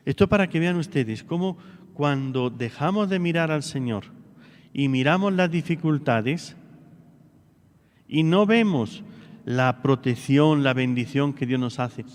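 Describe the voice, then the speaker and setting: A man's voice: mid-range voice, long reverb tail. A priest giving a homily, preaching earnestly and asking his listeners one rhetorical question after another.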